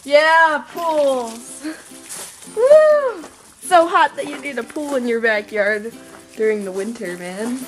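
A woman's voice: a little high, unhurried, faint music behind, low-quality recording. A young woman chatting in a goofy, sarcastic vlog outdoors in a sunny backyard. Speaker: guest vlogger. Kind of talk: casual vlog chat.

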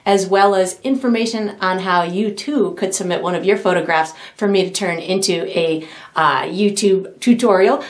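A middle-aged woman, a painting instructor, cheerfully greets viewers and talks straight to the camera in her indoor studio. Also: mid-range voice. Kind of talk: friendly tutorial intro and outro.

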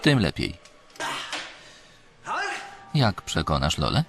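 A man's voice: rumbling low, wildly swooping pitch, slow, vocal fry, noisy background. A man reading every character's lines in one voice, as the voice-over of a dubbed series. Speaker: voice-over reader. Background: series soundtrack music and dialogue.

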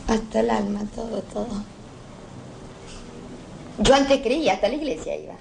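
A woman's voice: fairly high pitch, animated, moderate pace, creaky, warm tone, a little hiss or hum. An actress with an Argentine accent playing a proud, defiant working-class mother in a film drama, speaking with stubborn passion. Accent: Argentine Rioplatense Spanish. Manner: impassioned, stubborn, voice rising and falling. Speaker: film character.

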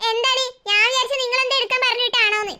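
A woman's voice: extremely high pitch, fairly even intonation, very fast, background noise. A woman voicing a fussing, teasing cartoon mother who chides her daughters but cares for them. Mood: chiding. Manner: chiding yet caring.

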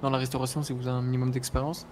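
Fast-talking man playing a cop. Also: medium pitch, flat delivery, background noise. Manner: quick, casual, slipping between polite and blunt. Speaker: player acting a police officer. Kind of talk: game role-play.

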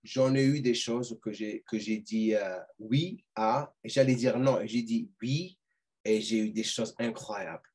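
A middle-aged man telling a personal story as a podcast guest, animated and full of restarts and repeated words. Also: fairly low pitch, unhurried, breathy edge. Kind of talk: casual storytelling.

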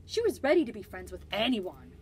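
A woman librarian reading a picture book aloud to children, gently asking them questions and laughing often. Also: medium pitch, wildly swooping pitch, brisk, a little hiss or hum. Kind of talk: storytime read-aloud for children.

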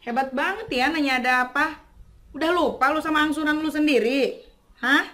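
A woman plays a young, bossy female debt collector in a comedy skit. Her voice is high and she talks in a scolding. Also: moderate pace, sharp tone. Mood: angry. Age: young adult. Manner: scolding, demanding. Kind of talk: comedy skit acting, colloquial. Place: indoors, in a house.

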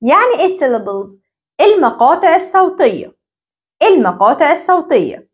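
A woman with an Egyptian Arabic accent teaching parents English syllables, drilling words by repeating them slowly. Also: high voice, big pitch swings. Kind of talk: English phonics lesson for parents.

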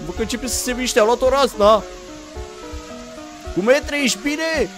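High-voiced excitable young man gaming. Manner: excitable, jumps between hushed murmurs and sudden yelps; talks straight to viewers. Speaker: gaming YouTuber. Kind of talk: excited gameplay commentary. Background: game music.

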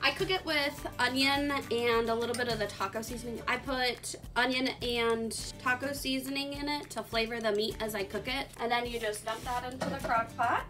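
A woman in her thirties with a fairly high voice chats through a recipe in her home kitchen. She talks in a relaxed, friendly way with the odd um, filmed on a phone. Music plays clearly under her voice. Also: moderate pace, few pauses. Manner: friendly, chatty, relaxed with fillers. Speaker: youth club membership coordinator hosting a cooking video. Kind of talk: casual home cooking demo. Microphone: phone camera held by her son.

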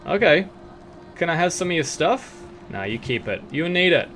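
A man commentating while he plays a video game, excitable and jokey, often laughing and shouting at the game. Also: on the high side, normal speed, slight background noise. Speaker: gaming video host. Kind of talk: let's play commentary. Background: game music and gunfire.

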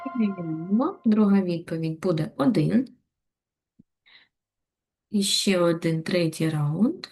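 A woman with a Ukrainian accent giving a recorded lesson to young schoolchildren, explaining patiently and clearly. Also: lowish voice, expressive, takes it slowly, long pauses, darkish tone, soft background music. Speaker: primary school teacher. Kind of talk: recorded video lesson for children.

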